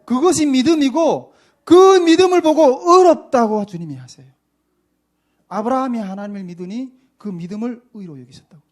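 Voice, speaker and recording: A male pastor preaches a personal testimony sermon. His voice sits high, and he presses hard on some phrases and drops to near a hush on others. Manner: emphatic, swings between loud and soft.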